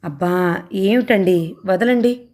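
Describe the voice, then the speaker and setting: A woman's voice: medium pitch, slow pace, a little mellow, lightly acted. A woman voicing a playful young wife who teases her husband in a coy, sing-song way in an audio novel.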